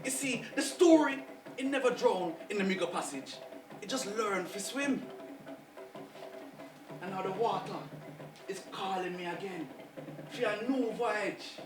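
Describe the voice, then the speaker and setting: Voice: mid-range voice, a little slow, pauses often, lightly acted. A performer voicing a sly, ancient trickster spider spirit with a Jamaican accent, in a rhythmic, chuckling spoken-word delivery, heard from a distance in a roomy space over music. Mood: sly boastful.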